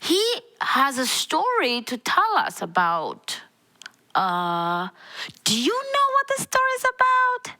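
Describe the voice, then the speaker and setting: A woman playing an excitable, childlike girl character who co-hosts a kids show with bubbly, eager exclamations. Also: sits high, heavily acted, low-quality recording. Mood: playful, curious. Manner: bubbly, exclamatory, drawn-out delivery.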